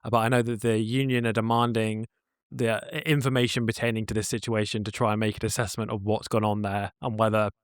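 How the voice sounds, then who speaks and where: A man's voice: fairly low pitch, level tone, fast talker, clean tone, no echo, clean studio sound. A man co-hosting a podcast, talking earnestly and rambling with many self-corrections. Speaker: podcast co-host. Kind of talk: casual chat.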